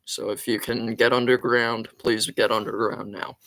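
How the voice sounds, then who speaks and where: With a sore throat and a lowish, slightly bright voice, a man hosts a live storm-tracking stream, delivering urgent take-cover warnings between many ums and uhs. His delivery is flat, at normal speed, with vocal fry. The live weather commentary has no room sound.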